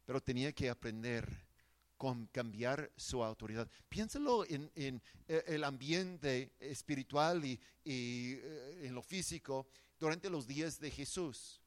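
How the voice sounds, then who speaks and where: A man's voice: medium pitch, lively intonation, measured pace. A man preaching a sermon in an earnest, emphatic way, often restarting his words.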